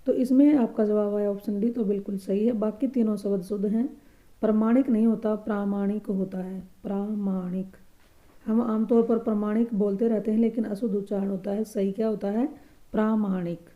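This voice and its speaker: A woman teaching a grammar lesson for exam preparation, patiently explaining answers and repeating each correct word slowly and softly. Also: medium pitch, fairly even intonation, narrow, tinny audio.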